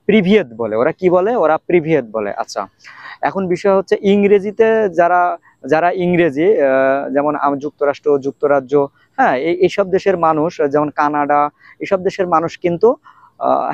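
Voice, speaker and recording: A man teaching a casual video language lesson, explaining slowly and repeating words with many fillers. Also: on the high side, no echo, highs cut off. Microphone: camera facing speaker.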